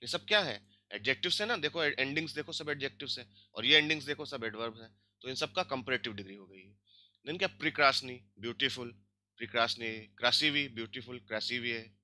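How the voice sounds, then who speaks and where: A man's voice: medium pitch, brisk, bright, forceful tone. A man teaching a grammar lesson, explaining step by step and often checking that listeners follow. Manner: repeats and checks understanding with frequent tag questions. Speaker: language teacher.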